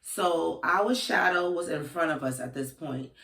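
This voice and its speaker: A woman with a Brooklyn accent telling stories casually, in informal, animated talk with slang. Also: sits low, a little slow, creaky. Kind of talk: casual storytelling conversation. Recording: echoey room, distant microphone.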